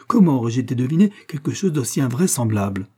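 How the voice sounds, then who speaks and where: A man voicing a distressed, tearful young woman who speaks firmly and pleads, in a husky dark voice. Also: mid-range voice, sing-song, fast, voice pushed up. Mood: distressed pleading. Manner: pleading, emotional.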